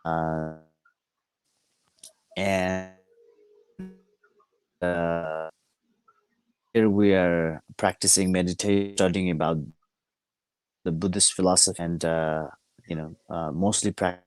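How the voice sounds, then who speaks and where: Slow halting guy on a glitchy video call, voice cutting in and out, dry sound. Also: low-pitched, steady tone, clean tone, dry recording. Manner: halting, with many pauses and fillers. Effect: voice cutting in and out over a video call. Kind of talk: casual interview answers.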